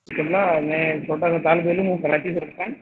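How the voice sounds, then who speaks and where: A man's voice: on the high side, steady tone, slight background noise. Male student on a dropping-out internet call. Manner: polite, formal greetings and agreement. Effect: online call audio dropping out. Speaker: guest, religious student. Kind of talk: online group voice chat on religion. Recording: dull lo-fi internet call audio with dropouts.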